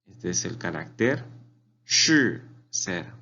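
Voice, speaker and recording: Slow low-voiced male language teacher. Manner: patient, repeats words for learners. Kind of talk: slow spoken language lesson. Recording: dull lo-fi recording with faint hum.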